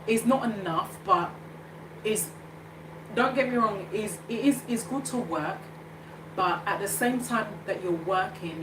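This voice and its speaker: A woman in her thirties talks slowly through a casual live chat, often stopping to restart her sentences. Her voice sits a little low, and she is set back from the mic in an echoey room with steady background noise. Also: recorded from a distance. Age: 30s. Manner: hesitant, many fillers and restarts, laughs often. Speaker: show host reading live comments.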